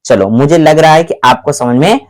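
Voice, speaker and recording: Man teaching grammar, always checking understanding. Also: fairly high pitch. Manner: keeps asking the pupils whether they understand; slows right down to read English examples aloud. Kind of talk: classroom-style grammar lesson.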